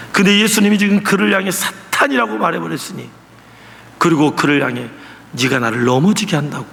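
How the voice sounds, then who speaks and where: A man's voice: high voice, gravelly, fairly bright tone. A male pastor delivering an emphatic sermon in a church, putting rhetorical questions to his congregation. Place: church sanctuary. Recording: echoey church hall.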